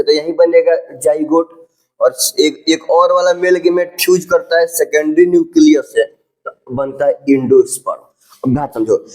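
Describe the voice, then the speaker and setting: A man's voice: on the high side, a little mellow, rough recording. A man teaching a biology lesson in mixed with English terms, explaining step by step and often asking whether the class is following. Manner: keeps checking if students follow. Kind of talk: classroom lecture at a board.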